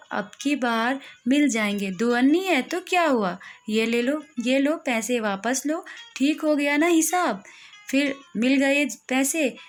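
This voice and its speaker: A woman voicing a kindly middle-aged male flute seller who coaxes children warmly. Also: high voice, a little hiss or hum. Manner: warm, coaxing, playful.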